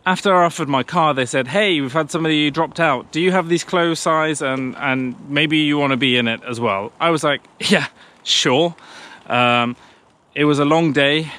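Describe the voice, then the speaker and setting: Out of breath as he pushes uphill along a country path, a thirtysomething vlogger talks to the camera attached to his pushchair. His fairly high voice sounds pushed and bright at a moderate pace, and he stays chatty and self-deprecating.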